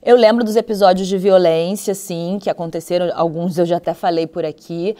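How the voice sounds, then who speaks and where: A woman's voice: lowish voice, fairly even intonation, brisk, warm tone. A woman with a Brazilian Portuguese accent co-hosting a podcast, narrating an opening and then talking candidly in a reflective, confessional way. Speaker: podcast co-host.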